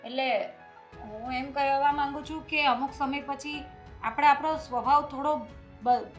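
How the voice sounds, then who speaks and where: An actress playing a meek daughter-in-law who hesitantly tries to calm her strict mother-in-law. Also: high voice, a little slow, soft background music. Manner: hesitant, soft, placating. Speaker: actor in a short film. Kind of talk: family drama acting.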